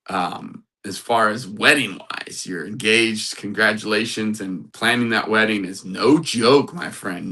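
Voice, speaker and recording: A man's voice: medium pitch, sharp tone, rough recording. A man hosting a casual live stream as a matchmaker, upbeat, greeting viewers in the chat and repeating motivational phrases. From United States. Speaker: livestream host and matchmaker.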